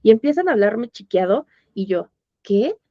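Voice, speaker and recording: A woman's voice: mid-range voice, a little slow, no echo. Mexican woman teaching, dull dry audio. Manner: conversational, checks understanding with tag questions. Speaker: course instructor. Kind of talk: informal online lesson.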